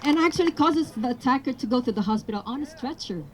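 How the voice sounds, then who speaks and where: At an outdoor rally, a Filipino woman whose first language is Tagalog gives an earnest speech that builds to emphatic appeals. Her voice is high with lively intonation and a fast pace, with background noise around her.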